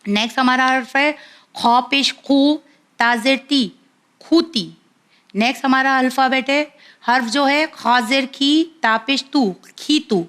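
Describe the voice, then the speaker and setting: Woman, high voice, patient children's teacher, slow careful spelling of syllables. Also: a bit bright. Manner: patient, spells out each syllable slowly and repeats it. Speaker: Quran recitation teacher.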